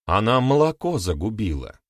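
A man's voice: on the low side, very animated, moderate pace, dry recording, clean studio sound. A man voicing an indignant, complaining older woman in an audiobook, raising his voice for her. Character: quarrelsome older woman, a mother-in-law. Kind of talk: audiobook character voice.

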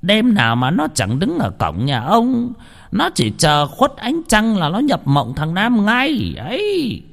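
A man voicing a knowing old village sorcerer, slow, drawn-out and ominous. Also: sits high, wildly swooping pitch, creaky, fairly bright tone, pitched above the performer's own voice, exaggerated voice.

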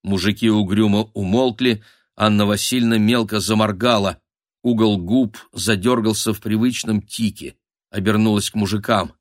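Low-voiced male audiobook narrator. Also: moderate pace, dry recording, clean studio sound. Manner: even, dramatic storytelling. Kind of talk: scripted narration.

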